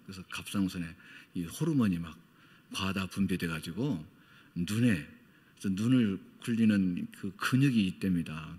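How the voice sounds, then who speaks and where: Emotional middle-aged preacher in reverberant church. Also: male voice, slightly rough. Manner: emotional storytelling, acts out quoted dialogue with big swings in pitch and loudness. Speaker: missionary preacher. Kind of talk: sermon. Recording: long church-hall reverb.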